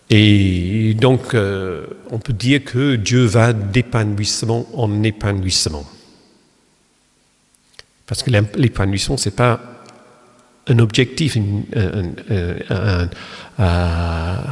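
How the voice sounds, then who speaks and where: A man with an English accent, a pastor giving a lecture-style church talk in French, hesitant with many fillers and restarts. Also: fairly low pitch. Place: Protestant church hall. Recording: long reverb of a church hall.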